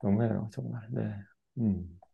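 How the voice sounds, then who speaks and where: A man's voice: lowish voice, unhurried, vocal fry, husky, narrow, tinny audio. A man hosting a casual interview, nodding along with short replies and giving earnest commentary. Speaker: channel host, counselor.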